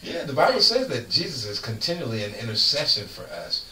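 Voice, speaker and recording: His medium-pitched voice swoops wildly, bright and forceful, a little fast, as the middle-aged radio host preaches about faith in a folksy, emphatic way and laughs often. The roomy studio recording is off-mic and distant, with a faint hiss.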